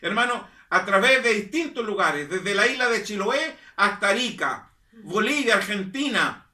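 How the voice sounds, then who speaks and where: A pastor preaching in a high, bright, ringing voice, repeating his lines for emphasis. He sits back from the microphone in an echoey church hall. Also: animated, moderate pace, distant mic. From Chile. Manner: emphatic preaching, repeats phrases, calls listeners "hermano". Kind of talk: sermon. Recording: echoey room, voice from off-mic.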